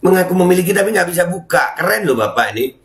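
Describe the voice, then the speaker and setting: A man's voice: sits high, lively intonation, fast talker, fairly bright tone, reverberant. A man reading news aloud and mocking it, sarcastically addressing an official as "Pak" again and again. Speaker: political commentary vlogger.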